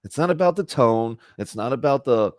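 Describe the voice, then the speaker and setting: A man's voice: mid-range voice, animated, normal speed, a little mellow, dry recording. A man in his thirties leads a casual spiritual talk over a video call. He is earnest and chatty and restarts his sentences as he thinks aloud. His voice sits in the middle range and sounds dry and close to the mic. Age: 30s. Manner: earnest, chatty, with frequent self-corrections. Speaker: spiritual group host.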